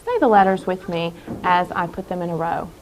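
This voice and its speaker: A woman teaching young children in a classroom, speaking in a deliberate, carefully enunciated, instructive way and repeating key phrases. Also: lowish voice. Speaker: elementary school teacher. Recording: clear background noise in a classroom.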